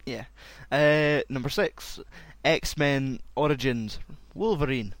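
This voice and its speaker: A man's voice: mid-range voice, slow pace, no echo. A man hosting a casual chat, loose and rambling. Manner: loose and rambling, laughs a lot. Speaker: podcast host.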